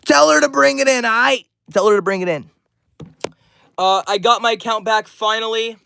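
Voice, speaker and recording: A man's voice: very high-pitched, normal speed, gravelly, sharp tone, a little hiss or hum. A twenty-year-old man live streaming, reading out chat names and answering each message in a friendly, upbeat way. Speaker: livestreamer.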